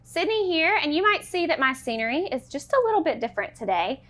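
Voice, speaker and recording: A woman's voice: high voice, very animated, fast, fairly bright tone. A young woman hosting a cooking show, upbeat and chatty, who laughs easily and asks a lot of questions. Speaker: host. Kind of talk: casual cooking show chat.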